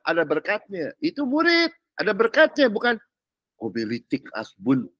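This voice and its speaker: A man's voice: high voice, a bit bright, no echo. A man preaching a sermon with a Jakarta accent, blunt and joking in street slang, reading scripture aloud between remarks. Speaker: pastor.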